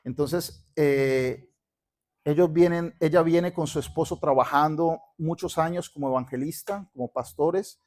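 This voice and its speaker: A man's voice: on the high side, unhurried, darkish tone. A man from Colombia, a pastor preaching fervently in church and calling on the congregation to repeat after him. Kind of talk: sermon with church announcements. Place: church sanctuary.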